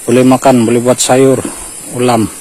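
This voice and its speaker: A middle-aged Malaysian man talks through his durian harvest in a steady, flat voice. He is out on a hillside, with clear outdoor noise in the background. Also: mid-range voice, normal speed, rough recording. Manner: relaxed explaining, steady even delivery. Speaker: vlogger. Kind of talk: casual outdoor vlog.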